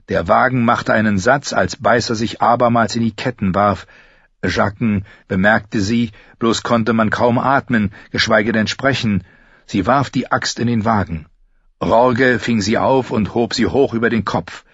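Husky low-voiced man narrating an audiobook. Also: a little slow, dry recording, dull audio. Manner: steady storytelling, raises his voice high for the characters' lines. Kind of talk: scripted narration of a fantasy novel.

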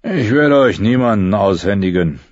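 A man doing a gruff stubborn old brother. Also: on the low side, expressive, moderate pace, no echo, muffled recording, natural voice.

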